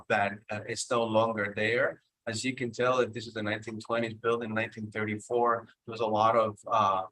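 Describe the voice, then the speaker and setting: Over a low-quality video call at a public meeting, a Cuban man with a Cuban Spanish accent presents an architectural preservation report. His mid-range voice has a sharp tone, and he speaks hesitantly, often restarting his words.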